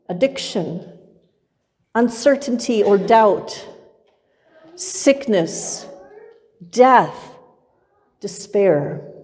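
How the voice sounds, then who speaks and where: A middle-aged woman pastor preaching a sermon from a pulpit in a church, in a measured, rhythmic style with much repetition. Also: medium pitch, darkish tone. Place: church sanctuary with pipe organ, far camera. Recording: long church reverb.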